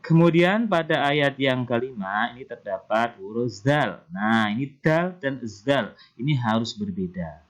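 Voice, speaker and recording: A male primary school teacher with an Indonesian accent, patiently explaining Quran recitation rules to children and chanting verses slowly. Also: mid-range voice, expressive. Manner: slow, patient explaining, often starting with "nah".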